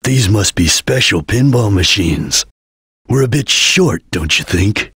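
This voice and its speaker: A man voicing a stoic, serious chameleon ninja in a video game, speaking in a terse, grave, deliberate way. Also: on the low side, lively intonation, a bit bright, slightly rough, full character voice. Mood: calm, instructive. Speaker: video game character voice actor. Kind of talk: video game voice lines, hints and callouts.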